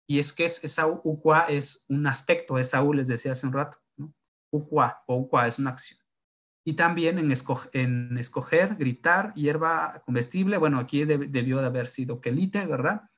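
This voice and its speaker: A linguist whose first language is Zapotec explains a writing system, thinking aloud with fillers and frequent tag questions. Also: male voice, a little high, moderate pace, fairly bright tone. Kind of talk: explanatory talk on writing tones.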